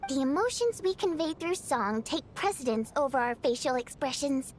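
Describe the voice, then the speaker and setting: A woman playing a spirited, cheerful young female water imp singer in a video game, expressive, theatrical and easily flustered. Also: high voice, moderate pace, slight background noise. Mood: earnest. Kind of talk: animated game voice acting.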